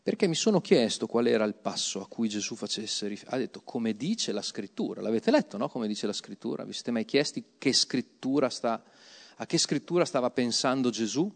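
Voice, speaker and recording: A man preaching and leading prayer in church, slow and prayerful, rising to loud fervent exclamations. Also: mid-range voice, big pitch swings, creaky. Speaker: pastor. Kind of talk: sermon.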